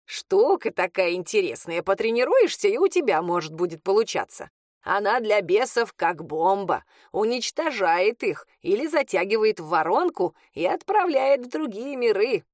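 A woman reading aloud, voicing a brash old village witch who teases, cackles and shouts. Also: mid-range voice, big pitch swings, moderate pace, no echo, clean studio sound. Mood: boisterous teasing. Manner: boisterous, teasing, laughing.

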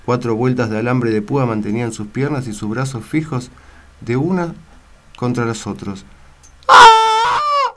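A man reading a grim story aloud on the radio, going from hushed to loud. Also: medium pitch, normal speed. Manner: expressive, swings from hushed to loud. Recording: loud noise on radio recording.

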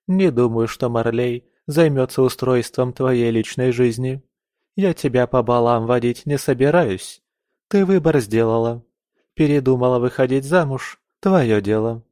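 A man's voice: mid-range voice, dark tone, dry recording, studio quality, lightly acted. A man voicing a stern, domineering baroness mother. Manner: stern, scolding, commanding. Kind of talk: audiobook character voice.

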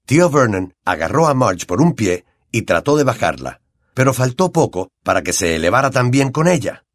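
Expressive Latin American audiobook narrator, man. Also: mid-range voice, normal speed, dry recording, clean studio sound. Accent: Latin American Spanish. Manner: expressive storytelling. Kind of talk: scripted narration.

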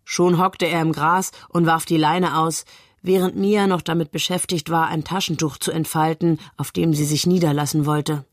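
A woman narrating a literary story in a measured, calm way. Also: sits low, no room sound, clean studio sound. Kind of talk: literary reading.

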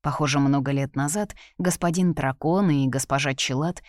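A woman narrates a fantasy novel in an expressive, storytelling manner. Her voice sits low for a woman. The recording is dry and close, without room echo. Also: moderate pace. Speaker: audiobook narrator. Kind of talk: scripted narration.

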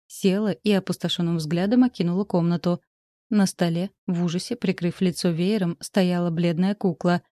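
A woman narrating a story in a steady, even storytelling manner. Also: fairly low pitch, no echo, clean studio sound.

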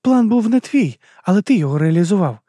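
A man reading an audiobook voices a calm woman researcher who keeps questioning steadily. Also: high voice, quick pace, pitched above the performer's own voice. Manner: level, persistent questioning. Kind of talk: audiobook character voice.

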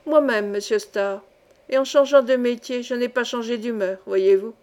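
A jovial, chatty young former miner in his twenties , as a woman reader puts him on in an audiobook. He talks cheerfully and freely, in a fairly high voice. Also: moderate pace, darkish tone, close to an everyday voice. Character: cheerful man of twenty-five, singing ex-miner.

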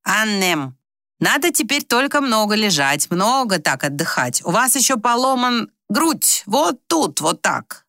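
A man's voice: high voice, very animated, unhurried, gravelly, sharp tone, no echo, clean studio sound, voice pushed up, heavily acted. A woman voicing eager young village men who speak broken Russian. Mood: earnest. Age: young adult.

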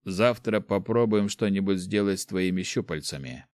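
A man voicing a weary, secretive male dark mage teacher who speaks slowly and gravely, in an audiobook. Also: sits low, dry recording, clean studio sound, natural voice. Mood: curt. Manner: slow, grave, ominous.

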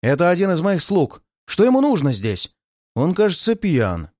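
A man reading aloud, voicing an arrogant, hot-tempered rich gentleman who snaps indignantly. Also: high voice, huge pitch swings, moderate pace, no echo, studio quality, pitched above the performer's own voice, heavily acted. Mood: angry. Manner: haughty, snapping, indignant.

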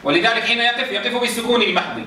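A man's voice: very high voice, expressive, very fast, bright, forceful tone. Male Quran teacher, quizzes a live class, recorded from a distance in a room with strong echo. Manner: quizzes students, chants verse examples. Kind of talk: recitation rules lesson to a class. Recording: roomy echo, distant mic.

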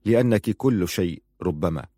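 A man's voice: sits low, expressive, normal speed, dark tone, no room sound, clean studio sound. A man voicing a young soldier who speaks in a firm, decisive way, then patiently and tenderly.

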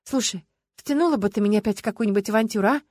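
A woman's voice: mid-range voice, very fast, darkish tone, dry recording, studio quality, natural voice. A woman reading an audiobook and voicing an anxious, chatty young wife who frets and chatters. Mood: wistful. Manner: fretful, chattering.

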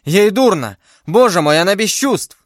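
This is a man voicing a passionate young swordsman who cries out, his voice pushed up high and urgent. The sound is dry and close to the mic. The reading has a storybook style. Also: lively intonation, a little slow, fairly bright tone, no echo. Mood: alarmed. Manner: urgent, exclaiming.

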